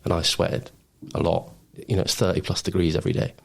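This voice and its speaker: In a low-pitched, creaky voice with a level tone, a former Royal Marine rattles through casual personal stories at a quick pace. He's a podcast guest with a blokey, informal manner, tossing in "mate," "man" and "bro."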